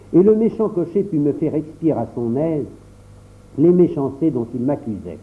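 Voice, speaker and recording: A man reading a classic storybook aloud in the first person, with expressive storytelling. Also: medium pitch. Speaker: audiobook reader. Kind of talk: storybook narration. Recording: tinny phone-like audio.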